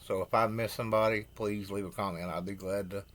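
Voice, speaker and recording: A man with a lowish voice reads NFL signings off handwritten notes, pausing and correcting himself as he trips over names. Between items he drops plain, opinionated asides about the deals. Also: steady tone, fairly bright tone. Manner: halting, apologetic, stumbles over names. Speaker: host. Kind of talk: reading NFL news from notes.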